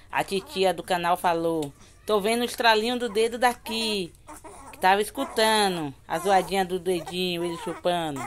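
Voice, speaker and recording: A woman with a Bahian accent chatting casually in a home vlog, cooking in her kitchen and cooing affectionately at a baby. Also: fairly low pitch. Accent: Bahian Brazilian Portuguese. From Bahia, Brazil. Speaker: home vlogger.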